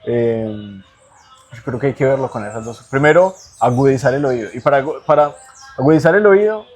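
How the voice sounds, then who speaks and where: A man's voice: mid-range voice, fairly quick, darkish tone. A man as an interview guest, giving earnest spiritual teaching in a conversational way and checking in with rhetorical tag questions.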